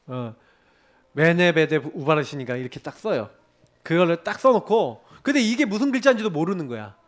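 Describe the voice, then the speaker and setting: A man preaching a sermon as pastor, telling stories and acting out prayers and complaints in quoted voices. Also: sits high. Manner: animated storytelling preacher, acts out quoted prayers and arguments.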